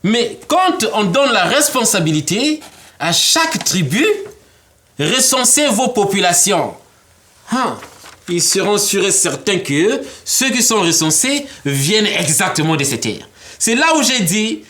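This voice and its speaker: A man, a guest in an interview, explaining a political model in an animated way and often laughing. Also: sits high, a little slow. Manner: animated, acts out imagined dialogues, laughs often.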